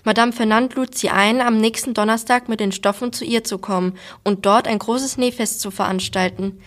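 A woman reads a children's novel aloud in a steady storytelling voice. Her voice sits a little high and keeps an even, gentle flow. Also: moderate pace.

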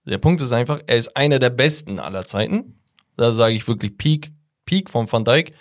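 A young man co-hosts a laid-back football podcast, talking loosely and full of slang as he reads viewer comments aloud. His voice sits at a middle pitch for a man. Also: lively intonation, normal speed. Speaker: podcast co-host. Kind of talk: casual football podcast chat.

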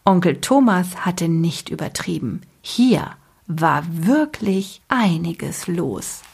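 Woman, breathy voice, children's book reading, expressive, whispers at tense spots. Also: on the low side, takes it slowly. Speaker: storyteller.

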